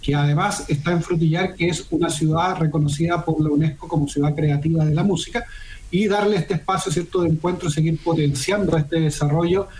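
A man's voice: a little high, fairly even intonation, brisk, darkish tone, low-quality recording. A man, a theater foundation director, giving formal interview answers over a video call with frequent restarts. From Chile.

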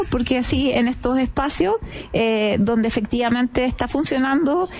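Woman, Chilean accent, earnest, persuasive, a bit high-pitched. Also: darkish tone. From southern Chile, Biobío region. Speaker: guest, ministry official. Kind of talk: conversational panel talk.

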